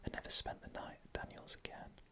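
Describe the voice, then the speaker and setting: A person whispering scary first-person stories in a hushed, unvoiced ASMR narration from start to finish. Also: brisk. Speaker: storyteller.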